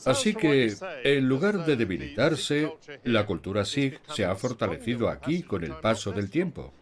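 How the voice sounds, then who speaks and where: Lively-voiced male documentary host. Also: mid-range voice, normal speed, crowd noise. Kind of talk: documentary narration and interviewing. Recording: voice with background music.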